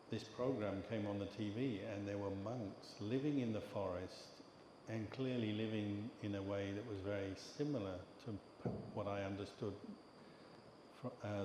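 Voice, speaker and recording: Older English monk teacher, calm measured talk, low flat voice. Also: male voice. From England. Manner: calm, measured storytelling with pauses. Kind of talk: dharma talk. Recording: echoey hall with long reverb and background noise.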